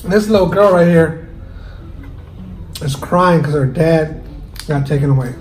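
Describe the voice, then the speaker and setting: Male cooking host, casual eat-and-talk vlog, voice on the high side, soft music bed. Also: a little slow, low-quality recording. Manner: chatty, talks while eating. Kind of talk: casual mukbang chat.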